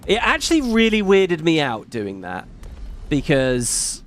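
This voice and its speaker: This middle-aged man with a British accent talks a little slowly on his live stream, his fairly high, unmacho voice swooping wildly in pitch. The chat is casual, rambling, and sprinkled with offhand swearing.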